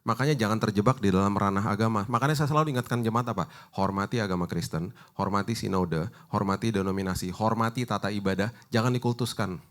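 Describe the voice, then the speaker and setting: A man's voice: on the low side, fast talker. A man preaching a sermon as pastor of a church, telling stories in casual style speech with English phrases mixed in. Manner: animated storytelling, mixing casual slang and English phrases. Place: church sanctuary.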